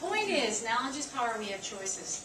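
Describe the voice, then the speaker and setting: A woman dietitian talks staff through a lesson, chatty and full of questions for her listeners. Her voice sits a little high. It is recorded from a distance in an echoey room with steady noise. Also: normal speed. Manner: chatty, counts aloud and asks the audience questions. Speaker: dietitian giving a talk. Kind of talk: lively nutrition talk to a staff audience. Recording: echoey room, from far off, noisy.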